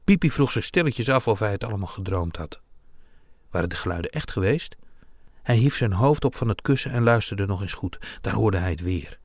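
Expressive male storybook reader. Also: fairly low pitch, moderate pace, no room sound, clean studio sound. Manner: expressive, dramatic. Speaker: narrator. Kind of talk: children's storybook reading.

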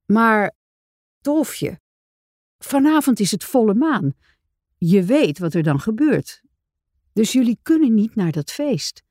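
A woman voicing a bewildered, fussy father in a children's storybook reading, exclaiming and excitable. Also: on the high side, slow pace, pauses often, no echo, clean studio sound, pitched above the performer's own voice, exaggerated voice. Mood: worried.

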